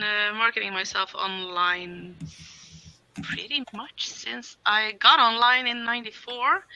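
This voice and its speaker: Bright, gravelly woman. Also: medium pitch, no room sound, highs cut off. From Sweden. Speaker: artist and intuitive guide. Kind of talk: casual video-call chat. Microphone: video call.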